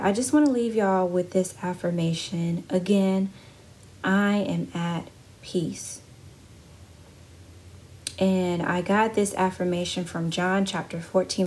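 A woman's voice: lowish voice, a little mellow. A woman hosting a casual devotional podcast, talking earnestly with many fillers and restarts. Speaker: podcast host.

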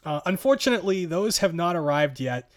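A man's voice: fairly high pitch, big pitch swings, brisk. A man hosting a podcast in casual chat, rambling with fillers and nervous laughs. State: gasping from hot sauce heat. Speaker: podcast host.

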